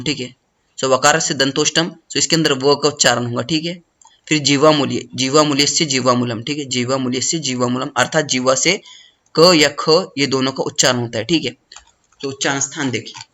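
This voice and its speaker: A man teaching a study lesson, talking fast and repeating a check-in phrase after each point. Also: medium pitch, bright, forceful tone. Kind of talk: study lesson explaining notes.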